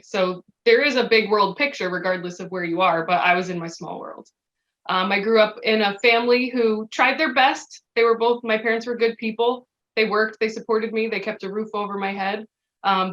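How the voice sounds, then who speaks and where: A woman from New Jersey speaks as a podcast guest. She tells her personal story reflectively and hesitantly, often pausing on an um. Her voice is mid-pitched for a woman. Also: fairly bright tone, muffled recording. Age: adult. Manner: reflective, many ums.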